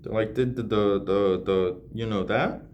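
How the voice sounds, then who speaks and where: A man's voice: on the low side, measured pace, darkish tone, lo-fi sound, slight background noise. A young man reading a classic novel aloud on camera and breaking off for slangy, joking asides, often laughing. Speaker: channel host.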